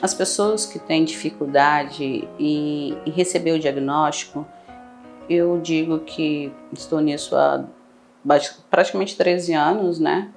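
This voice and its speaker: A woman's voice: deep voice, takes it slowly, creaky, a little mellow, faint music behind. A mother in her thirties, interviewed for a documentary, speaking in a frank, reflective way. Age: 30s.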